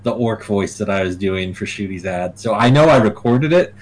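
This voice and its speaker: Male podcast co-host, low voice, dry teasing delivery. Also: animated, normal speed, a little hiss or hum. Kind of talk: casual gaming podcast chat.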